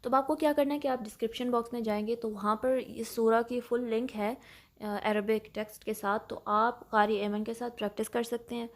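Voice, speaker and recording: A woman's voice: on the high side, steady tone, brisk. A woman teaching a step-by-step recitation lesson in Urdu with English terms mixed in, explaining patiently and checking in often. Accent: Pakistani Urdu. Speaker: tajweed teacher.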